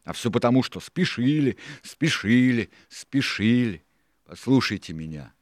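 A man doing a domineering old pirate cook, loud lecturing voice, raised pitch, dry close sound. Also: animated, measured pace, dry recording, natural voice. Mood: scornful lecturing. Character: cunning older male pirate cook, domineering. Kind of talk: audiobook character reading.

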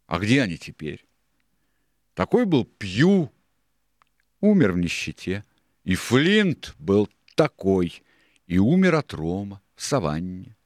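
A man voicing a cunning, domineering older pirate cook in an audiobook, lecturing loudly and scornfully. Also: fairly low pitch, huge pitch swings, takes it slowly, pauses often, dry recording, clean studio sound, pitched above the performer's own voice, full character voice. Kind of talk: audiobook character reading.

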